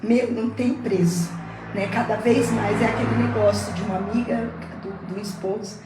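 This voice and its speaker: A woman's voice: mid-range voice, moderate pace, echoey room, background noise. A middle-aged woman in casual chat, telling an emotional faith testimony and repeating herself for emphasis. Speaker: guest.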